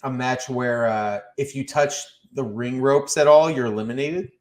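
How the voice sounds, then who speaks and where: A man guest on a podcast, telling wrestling stories in casual chat and acting out his own shouted lines. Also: medium pitch, moderate pace, roomy sound.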